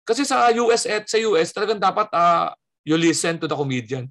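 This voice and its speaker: Lively, bright Filipino comedian. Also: male voice, high voice, brisk. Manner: animated storyteller acting out quotes. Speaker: stand-up comedian. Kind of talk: casual chat telling a story.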